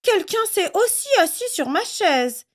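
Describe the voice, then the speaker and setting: A woman voicing a gentle mother bear with a soft, sweet voice. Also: very high-pitched, sing-song, measured pace, voice pushed up, exaggerated voice.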